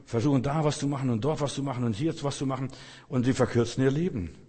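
Husky preacher in a reverberant hall. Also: male voice, medium pitch, fast, mellow. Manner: direct, addresses listeners as "du", rhetorical questions. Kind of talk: sermon.

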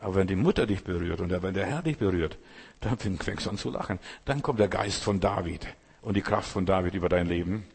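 A man preaching a sermon in a low, husky voice, speaking straight to each listener. He repeats phrases and lets slow, emphatic pauses hang. His words ring out with the long reverb of a hall. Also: darkish tone.

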